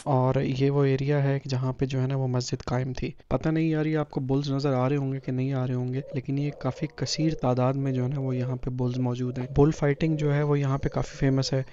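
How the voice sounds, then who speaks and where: Rambling man, dark flat voice. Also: mid-range voice, highs cut off, slight background noise. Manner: rambling, heavy on filler phrases. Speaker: travel vlogger. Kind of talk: casual travel vlog commentary; reflective voice-over narration.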